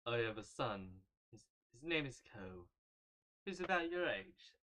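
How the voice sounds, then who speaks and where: A man's voice: mid-range voice, sing-song, a little slow, sharp tone. A man putting on an awkward, nervous neighbor. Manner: hesitant, stumbling over words. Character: awkward middle-aged male neighbor, nervous and creepy.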